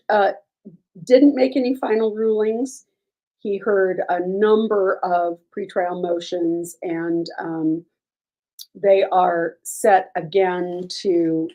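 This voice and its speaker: A woman's voice: lowish voice, a little mellow. A woman host with a scratchy voice, chatting casually on a livestream about court cases and answering chat questions, with many ums and restarts. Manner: many ums and restarts, measured legal opinions.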